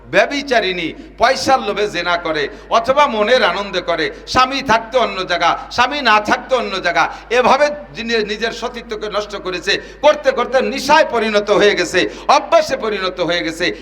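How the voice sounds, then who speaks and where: A man preaching a Bengali waz sermon with a Bangladeshi accent, telling scenes dramatically, rising to shouts and chanting Arabic verses. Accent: Bangladeshi Bengali, Gopalganj region. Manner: dramatic, swings between low storytelling and high shouting, chanted Arabic.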